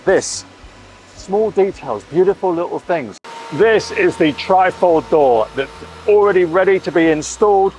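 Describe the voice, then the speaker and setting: A man in his forties, high-voiced and expressive with a darkish tone, talks at a measured pace as he hosts a vlog tour to camera. He moves through a boat under construction and a large boatyard shed, enthusiastic and emphatic, repeating phrases into a clip-on lapel mic, with soft background music.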